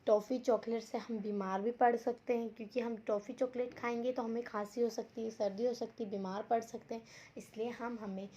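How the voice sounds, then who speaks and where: Slow, deliberate woman teaching young children. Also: fairly high pitch, fairly even intonation, mellow, lo-fi sound. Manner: slow and deliberate, repeating words and asking questions. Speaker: school teacher. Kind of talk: online Hindi lesson for young children.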